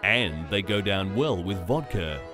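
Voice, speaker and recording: A man narrating a scripted news feature in a wry, lively storytelling manner. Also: low-pitched, unhurried. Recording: voice-over over music and crowd sound. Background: music and crowd noise.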